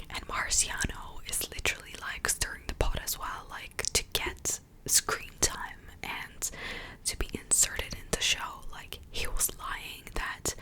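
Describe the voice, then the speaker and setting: A woman whispers close to the microphone in casual, gossipy ASMR chat, as if sharing a secret, conversational and opinionated. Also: poor audio. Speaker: ASMR host.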